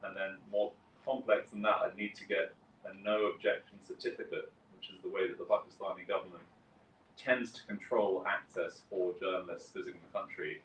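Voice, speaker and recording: A man's voice: deep voice, level tone, brisk, a bit bright, slight background noise. A man in his forties, a journalist, giving a wry, conversational conference talk and telling his story. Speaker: guest speaker, journalist. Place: conference hall. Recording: echoey hall, distant mic, faint ambience.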